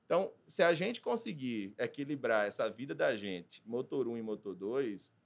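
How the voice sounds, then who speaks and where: A man, a consultant talking as a podcast guest, animated and acting out little dialogues. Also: mid-range voice, normal speed, gravelly. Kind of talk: casual podcast conversation.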